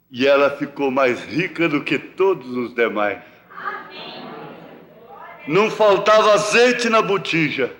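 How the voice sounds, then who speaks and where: Brazilian man preaching, high voice, emphatic repeating cadence, roomy church sound. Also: fairly bright tone. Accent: Brazilian Portuguese. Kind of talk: sermon. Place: large church. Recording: echoey church archive recording.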